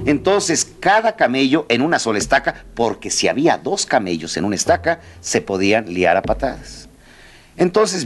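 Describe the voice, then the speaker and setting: A man's voice: mid-range voice, a little hiss or hum. A man giving a motivational talk, telling a story and speaking straight to the audience. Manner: animated, addresses the audience directly.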